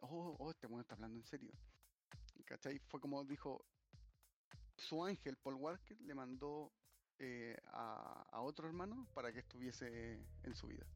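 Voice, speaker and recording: A man with a Chilean accent, a co-host telling a story in casual chat, animated and full of slang. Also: medium pitch, creaky.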